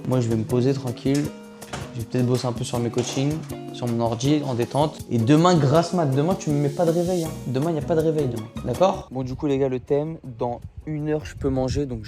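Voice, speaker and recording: A young man vlogs in loose street slang. His voice sits in a middling male pitch, and he repeats his phrases in a teasing, chatty way over clearly audible music. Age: young adult. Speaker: vlogger, amateur athlete and coach. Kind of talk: casual vlog chat. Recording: music behind the voice.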